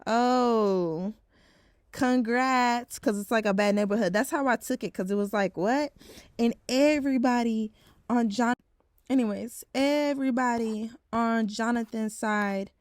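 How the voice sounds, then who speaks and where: Girl around 20 just chatting on her vlog, says like a lot, kinda high voice. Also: a little slow, no room sound, studio quality. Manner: blunt, frank, with swearing; heavy use of filler "like". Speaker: vlogger. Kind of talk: casual vlog chat.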